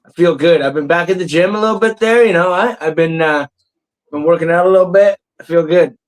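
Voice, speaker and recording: This is a man in his thirties hosting a casual comedy podcast, his voice a little high and his pace fairly quick. He chats loosely, laughing, swearing and leaning heavily on filler words.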